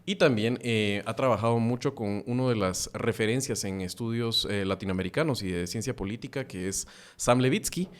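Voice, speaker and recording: A man's voice: lowish voice, normal speed. A man hosting a podcast panel, talking casually with many hesitations. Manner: animated, hesitant with fillers. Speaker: podcast host.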